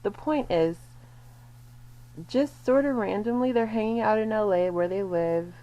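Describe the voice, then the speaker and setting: A woman's voice: mid-range voice, measured pace, mellow. A woman chatting casually to camera, rambling and correcting herself as she goes. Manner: rambling, self-correcting, lots of fillers. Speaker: video creator. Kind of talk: casual commentary vlog.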